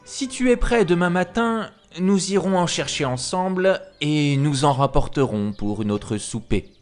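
A man voicing a sly, hungry wolf in a storybook reading, drawn-out, coaxing and menacing. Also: fairly high pitch, expressive, soft background music, pitched above the performer's own voice.

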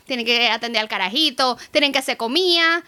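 High, bright woman with a foul mouth. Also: brisk, clear, resonant tone. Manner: blunt, peppered with swearing. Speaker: podcast co-host. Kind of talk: casual podcast banter.

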